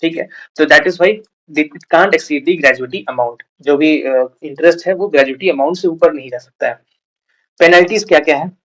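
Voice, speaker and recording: Man lecturing, somewhat high voice. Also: low-quality recording. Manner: reads English lines slowly, then explains casually with fillers. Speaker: exam coaching teacher. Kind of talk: lecture mixing Hindi and English.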